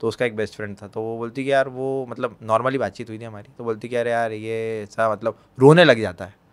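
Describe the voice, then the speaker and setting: Quick, animated man, podcast guest who acts out stories, laughs easily. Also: mid-range voice. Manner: animated storyteller, acts out quotes, laughs often. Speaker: podcast guest, content creator. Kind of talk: casual podcast storytelling.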